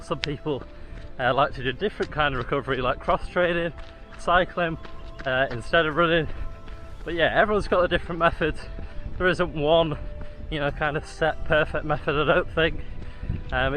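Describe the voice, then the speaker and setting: This running vlogger chats casually with his audience outdoors in a fairly high, slightly bright voice, captured in a rough recording.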